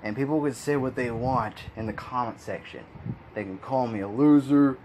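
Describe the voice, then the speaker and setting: Warm in tone and mid-range in pitch, this man speaks at a moderate pace, with a little hiss or hum in the background. He's ranting as a video commentator, exasperated and frustrated, sighing, laughing, and repeating himself.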